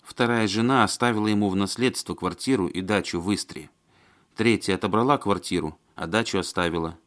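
A man's voice: fairly low pitch, brisk, fairly bright tone, voice pushed up, close to an everyday voice. A man reading an audiobook and voicing a fussy, flustered woman who chatters and complains in a plaintive, agitated way. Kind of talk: audiobook character voice.

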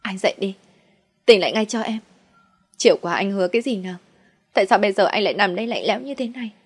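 A woman's voice: lowish voice, steady tone, fairly quick, lightly acted. Brief: young woman, grief-stricken and defiant, raised urgent voice, read by a female narrator. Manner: pleading then defiant outbursts.

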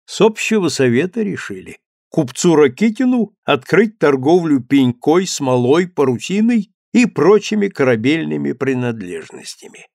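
Man, audiobook narrator, measured storytelling, fairly high pitch, animated delivery. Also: vocal fry, dry recording, studio quality.

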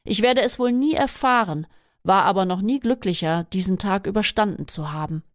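A woman reading a first-person memoir aloud in a steady, measured way. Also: mid-range voice, no room sound, clean studio sound. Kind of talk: scripted first-person narration.

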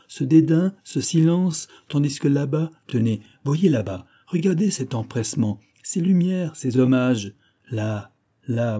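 A man's voice: mid-range voice, warm tone, voice pushed up, natural voice. A man voicing a bitter, powerless young king of 22, declaiming with rising indignation.

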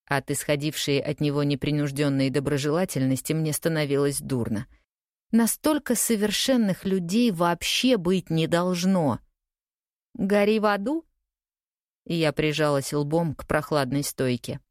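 Low-voiced woman narrating an audiobook. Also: moderate pace, darkish tone, no room sound, studio quality. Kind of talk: first-person audiobook narration.

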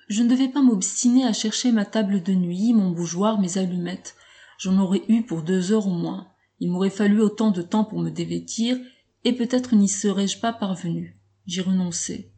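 A woman reads a classic tale aloud with measured, expressive storytelling. Her voice is warm and mellow, at a middle pitch for a woman. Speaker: audiobook reader. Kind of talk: scripted narration of a classic story.

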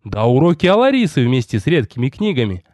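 A man narrating an audiobook in a lively, expressive storytelling manner. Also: medium pitch, fast talker, dry recording, studio quality.

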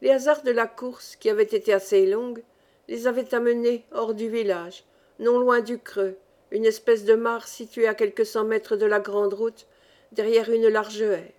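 A woman's voice: a little high, moderate pace. Woman reading a village story aloud. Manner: lively storytelling, varied pace. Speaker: audiobook reader. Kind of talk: scripted narration.

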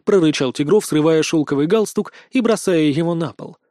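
A man narrating an audiobook in a steady, dramatic storytelling manner. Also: fairly high pitch, normal speed, dry recording, clean studio sound. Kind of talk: scripted narration.

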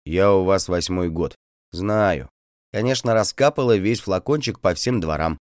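A severe and solemn village medic of many years' experience who scolds a patient and sets her straight, voiced by a male reader. His delivery is stern and heavy, lifted a little above the reader's own low pitch, in a close, dry recording. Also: a little slow, darkish tone, no room sound. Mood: curt.

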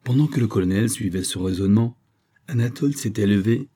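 A man narrating a classic novel as an audiobook, in a steady, even storytelling manner. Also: on the low side, brisk, slightly rough.

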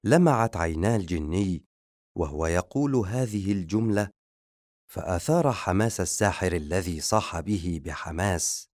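Male audiobook narrator, very low voice, steady measured reading, dry booth sound. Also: no echo. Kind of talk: scripted narration.

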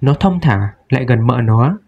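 A man reading a short story aloud in a calm storytelling manner. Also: medium pitch, moderate pace. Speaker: story reader. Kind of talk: audiobook narration. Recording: dull lo-fi recording.

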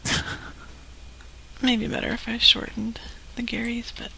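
A man's voice: extremely high pitch, completely flat delivery, takes it slowly, vocal fry, bright, forceful tone, rough recording. A man making offhand remarks as co-host, speaking in a whisper.

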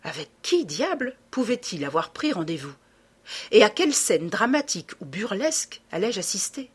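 A woman narrating a classic novel as an audiobook, in a measured, expressive storytelling manner with a slightly husky voice. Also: medium pitch. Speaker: audiobook reader.

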